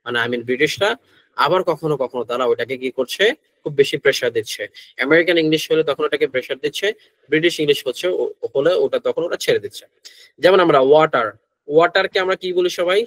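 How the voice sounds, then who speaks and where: A man's voice: fairly high pitch, fairly bright tone, no echo, low-quality recording. Bangladeshi man teaching English pronunciation. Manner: mixes Bengali with English phrases, asks the class questions. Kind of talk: online class lecture.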